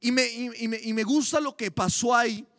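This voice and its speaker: A man delivers a sermon in a strikingly high register. He preaches emphatically, piling up repeated phrases for stress. The sound is dry, with no room around it. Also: fairly quick, fairly bright tone, no room sound, in a large hall. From Colombia.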